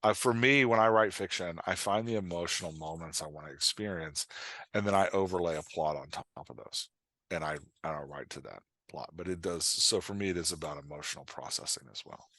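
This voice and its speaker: A middle-aged fiction writer and dialogue coach, guesting on a podcast, speaks candidly and conversationally in an interview, poking fun at himself and acting out imagined remarks. His lowish voice is a little fast, bright, and forceful, with no echo.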